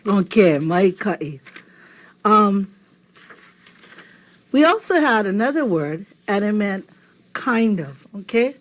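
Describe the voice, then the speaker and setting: With a medium-pitched, sing-song voice, a Hawaiian language teacher moves slowly through a casual vocabulary lesson on video, leaving long pauses. She's chatty and constantly checks in, asking "okay?" after almost every point.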